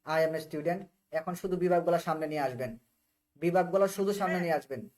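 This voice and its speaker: A man's voice: on the high side, a little fast, a little mellow. A man with a Bangladeshi accent teaching a live online English class, who explains patiently, repeats himself and keeps asking whether students understand.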